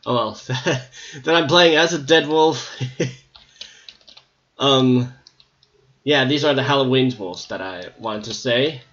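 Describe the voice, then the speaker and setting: Man, mid-pitched, slightly scratchy, casual gameplay commentary with lots of ums, lo-fi muffled recording. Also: slow, pauses often, fairly bright tone. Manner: rambling, hesitant, many ums. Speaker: gameplay video maker.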